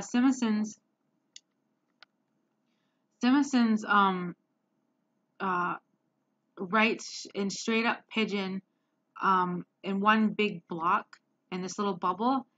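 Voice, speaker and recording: A woman's voice: mid-range voice, fairly bright tone. Hesitant woman giving a class presentation. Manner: hesitant, many ums. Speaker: student presenter. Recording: dull lo-fi sound.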